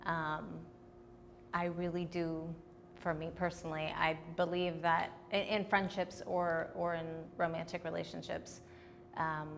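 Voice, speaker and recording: A woman's voice: low-pitched, vocal fry, long reverb tail, a little hiss or hum. A young adult woman, a comedian, giving candid, chatty answers in a casual interview.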